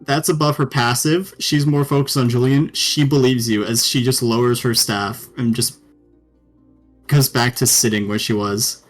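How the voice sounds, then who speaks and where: A man's voice: mid-range voice, fairly even intonation, normal speed, soft background music. A man running a tabletop game as dungeon master, bantering and swearing freely with his players. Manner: profane, joking banter.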